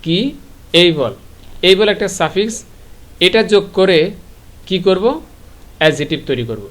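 Bangladeshi male tutor, slightly high voice, live-stream lesson, rhetorical question-and-answer delivery. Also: animated, moderate pace, fairly bright tone. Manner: asks questions and answers them himself. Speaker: English grammar teacher. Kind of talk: live online grammar lesson.

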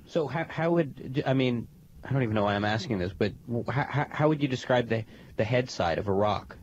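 A man's voice: mid-range voice, brisk. A man hosting a radio interview, asking dry, skeptical, probing questions. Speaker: radio host. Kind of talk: comedic phone interview. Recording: dull radio recording with faint noise.

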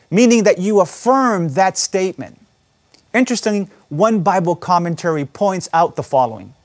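A man's voice: high-pitched, darkish tone. A man preaching a sermon in church, reading scripture aloud and stressing repeated words with emphasis. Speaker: pastor.

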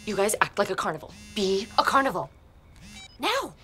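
An actress in her twenties playing a high-strung, bossy, anxious young woman with a frantic manner in a sitcom. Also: very animated, normal speed, sharp tone. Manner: frantic, commanding. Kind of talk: sitcom acting.

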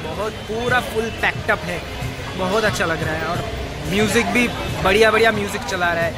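A food vlogger in his thirties films a casual restaurant vlog on a handheld phone, mixing Hindi and English as he reads out the menu. His voice is high-pitched and brisk, and the low-quality recording from the busy brewery restaurant is full of loud music and crowd chatter.

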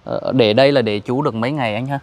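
A man's voice: medium pitch, fast. A man hosting an interview outdoors, politely asking questions and restating the answers back. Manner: polite, frequent deferential yes-words, paraphrases answers back. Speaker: host, charity vlogger interviewing. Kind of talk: casual interview. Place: outdoors at a rural cemetery.

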